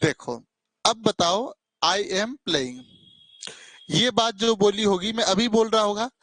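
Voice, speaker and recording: A man's voice: sits high, normal speed, fairly bright tone, dry recording. A male teacher giving a classroom grammar lesson, keeping his students engaged with frequent short tag questions and calling them "beta" affectionately. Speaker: English teacher.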